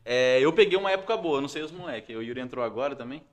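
A man's voice: mid-range voice, expressive, very fast. A young man from Brazil, a YouTuber, telling stories in a slangy, laughing casual chat.

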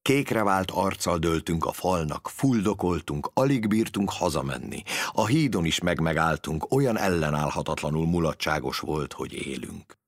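A man hosting a podcast, reading literary prose aloud in a measured storytelling manner. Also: deep voice, animated, dry recording, studio quality. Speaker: podcast host.

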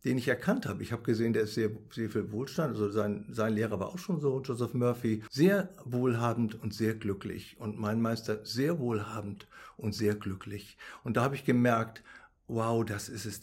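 A middle-aged man with a husky, darkish, mid-range voice speaks at normal speed as an interview guest. He explains his views on money, happiness and spirituality, often tagging his sentences with "ne?".

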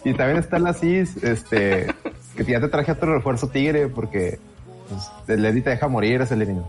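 A man's voice: medium pitch, animated, moderate pace, soft background music. A man with a Mexican accent in casual group banter, talking like a slangy, profane frat bro.

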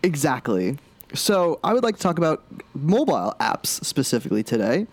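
Brief: male podcast host, casual and self-deprecating, lively pitch. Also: moderate pace, no echo. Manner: self-mocking, swears casually.

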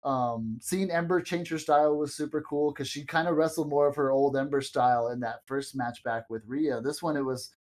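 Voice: medium pitch, normal speed, few pauses, darkish tone. Co-host recording inside a small closet, casual rambling wrestling recap, loose and chatty. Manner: loose and rambling, with frequent fillers and laughs. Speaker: podcast co-host. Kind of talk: casual wrestling show review chat.

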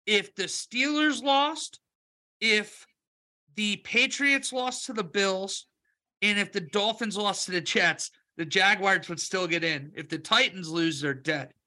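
Bright high-voiced man talking football. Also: takes it slowly. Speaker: podcast co-host, picks analyst. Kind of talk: casual sports podcast talk.

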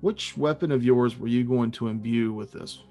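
A man narrating a tabletop fantasy game as game master, improvising in a halting way with dramatic pauses. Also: medium pitch, gravelly, mellow, faint music behind.

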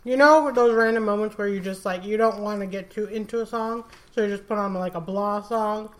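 A woman's voice: medium pitch, a little fast. A woman co-hosting a casual podcast chat, blunt and teasing, brushing things off with dry quips. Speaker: podcast co-host.

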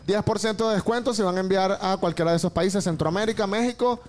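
A Venezuelan man hosts a loose, joking conversation and talks fast and slangy. His voice sits high for a man. He keeps the energy animated throughout. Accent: Venezuelan Spanish. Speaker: podcast host. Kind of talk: casual comic chat.

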